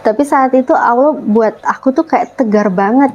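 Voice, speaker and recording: A young woman from Papua, Indonesia, relaxed and chatty as an interview guest, telling her story and acting out her family's words. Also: on the high side, normal speed, highs cut off. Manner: relaxed, acts out family dialogue in quotes.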